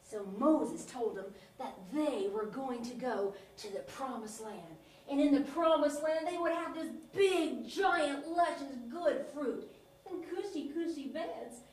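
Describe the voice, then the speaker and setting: This clown character, voiced by a woman in a high, slightly mellow tone at a somewhat slow pace, narrates a Bible story to kids with exaggerated sing-song delivery. There's room echo, faint noise, and distance from the mic.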